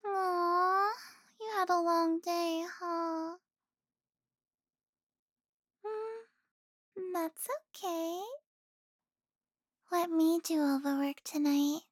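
A woman playing a teasing girlfriend, very high. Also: very slow, long pauses, dry recording, studio quality, full character voice. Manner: teasing, soft, with frequent sighs and giggles. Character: affectionate teasing young adult girlfriend. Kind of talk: intimate audio roleplay.

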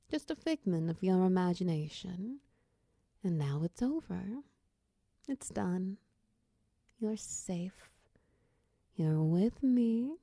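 A woman playing a tender, protective partner in an ASMR role-play, speaking softly and soothingly right into the listener's ear. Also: lowish voice, dry recording, full character voice. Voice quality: soft, breathy soft voice. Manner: intimate, close-up delivery right in the listener's ear; slow, soothing, reassuring. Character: tender, protective female partner soothing a nightmare-shaken lover. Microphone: very close, dry microphone.

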